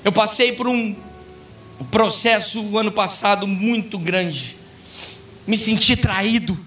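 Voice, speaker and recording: High-voiced pastor preaching fervently. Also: male voice, slow pace, recorded from a distance, faint music behind. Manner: fervent preaching, bursting into shouts. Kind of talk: impassioned sermon. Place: church conference hall.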